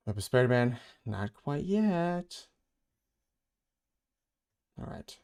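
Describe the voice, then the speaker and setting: A man hosting a vlog, chatting casually and thinking out loud while he reads a comic aloud. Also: medium pitch, sing-song, slow pace, smooth. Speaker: vlog host.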